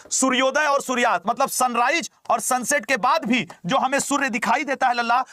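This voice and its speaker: A man's voice: very high voice, bright, forceful tone, no room sound, clean studio sound. A man teaching an exam-prep class in a teasing, chatty way, repeating key terms, with a regional lilt.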